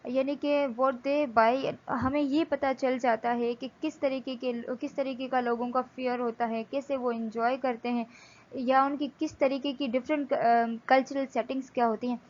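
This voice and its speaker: A woman lecturing from slides, reading English text slowly and explaining it in Hindi. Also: high-pitched, fairly even intonation, muffled recording.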